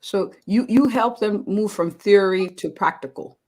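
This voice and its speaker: A woman's voice: mid-range voice, unhurried, darkish tone. A woman physician hosting a live-streamed interview, upbeat and effusive, often repeating words of praise. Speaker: host, family physician.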